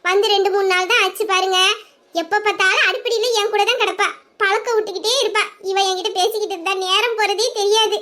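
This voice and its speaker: A woman's voice: very high-pitched, steady tone, fast, sharp tone. A woman voicing a cheerful village mother-in-law who chats and teases fondly about her daughter-in-law. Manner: chatty, teasing.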